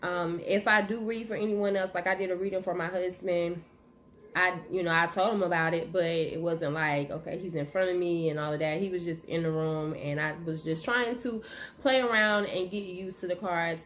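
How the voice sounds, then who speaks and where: A woman's voice: fairly low pitch, normal speed. Chatty woman vlogger chewing gum. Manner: relaxed, chatty, addresses viewers as y'all. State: chewing gum while talking. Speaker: channel host. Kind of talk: casual vlog chat. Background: faint noise of her dog moving around.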